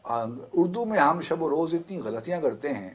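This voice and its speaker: A man from Pakistan, an analyst on a television talk show, explaining at length in a measured way with hesitant fillers. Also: a little high, expressive. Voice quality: husky. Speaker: studio analyst guest. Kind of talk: talk show political discussion.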